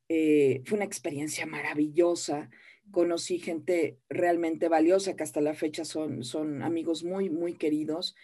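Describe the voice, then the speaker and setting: An older woman, a dubbing director telling animated, self-deprecating stories in an interview. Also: low-pitched. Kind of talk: reminiscing interview.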